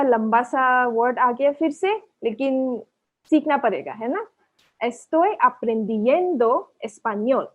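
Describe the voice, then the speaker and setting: A woman teaching a language class, explaining slowly and patiently and repeating words for practice. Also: on the high side. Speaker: Spanish teacher. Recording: dull lo-fi sound.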